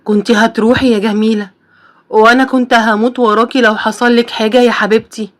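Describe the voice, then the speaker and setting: A woman's voice: a little high, level tone, fast, lightly acted. A woman voicing a tender worried young husband. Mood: pleading tender. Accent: Egyptian Arabic. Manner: tender, pleading, says darling often. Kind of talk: storybook voice acting.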